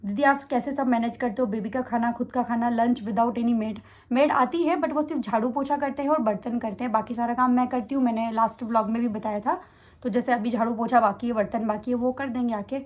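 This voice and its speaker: A young woman vlogger answering viewer questions in a fast, chatty way. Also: fairly high pitch, steady tone. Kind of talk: casual Q&A chat.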